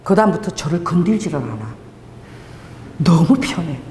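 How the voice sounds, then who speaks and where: A woman's voice: on the low side, normal speed, slight background noise. A middle-aged woman pastor giving a sermon, telling stories and acting out what people said to her. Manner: animated, storytelling, acts out quoted dialogue. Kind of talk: sermon with told anecdotes. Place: church sanctuary. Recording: long church hall reverb.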